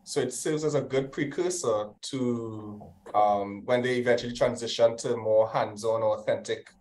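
A man's voice: medium pitch, steady tone, moderate pace, darkish tone, a little hiss or hum. A young man moderating an academic panel over a video call, polite and brief, handing the floor to speakers. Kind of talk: panel discussion. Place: indoors in front of a plain backdrop.

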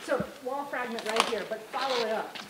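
A woman guides a tour group, speaking in a lively, engaging way to the people around her. Her voice sits a little high and is heard from well back in the crowd. The sound echoes and carries heavy noise. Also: brisk. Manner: animated and engaging, addressing a group. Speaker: park ranger tour guide. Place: outdoors at cliff dwellings. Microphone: distant camera in the crowd. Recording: distant echoey outdoor sound, loud noise.

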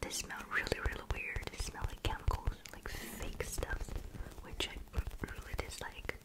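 A young woman whispering fast, casual ASMR chat softly and gently, very close to the microphone. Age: young adult. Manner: soft, unvoiced whisper, gentle rather than aggressive. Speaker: ASMR video creator. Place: small indoor room. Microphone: large foam-covered mic very close to the mouth.

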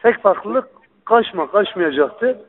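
A man with a somewhat high voice speaks over a narrow, tinny telephone line. He is informal and blunt, with coarse, familiar phrasing. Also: expressive, slow. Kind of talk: informal phone conversation.

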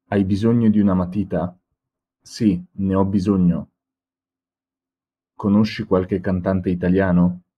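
Man, very low voice, husky, slow deliberate reading, dull lo-fi sound. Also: flat delivery. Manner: slow, deliberate, carefully spaced. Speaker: language teacher reading examples. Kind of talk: slow read-aloud example sentences.

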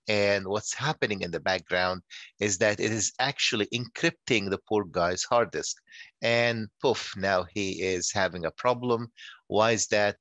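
Halting older man on a video call. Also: low-pitched, fairly bright tone, dry recording. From Nigeria. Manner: halting, many repeated words. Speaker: guest speaker. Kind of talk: online conference talk.

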